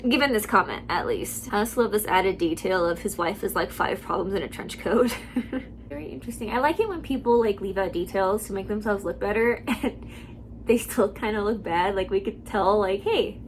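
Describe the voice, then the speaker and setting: A woman's voice: medium pitch, moderate pace, slight background noise. A woman hosting a channel where she reads online stories and reacts, talking casually with lots of filler words and laughing between remarks. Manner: chatty, heavy use of "like" fillers. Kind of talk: casual commentary.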